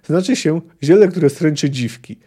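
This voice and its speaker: A merry, tipsy bard chatters and spins bawdy tales, as a man reads him aloud. The voice is slightly high and soft in tone. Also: expressive, normal speed, slightly rough. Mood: gossipy. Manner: chatty, bawdy, tale-spinning.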